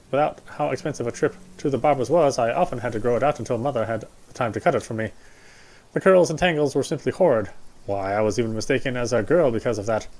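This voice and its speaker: A man with a medium-pitched voice reads story narration for a game character, now and then tripping over words and rereading them. Quiet music sits in the background.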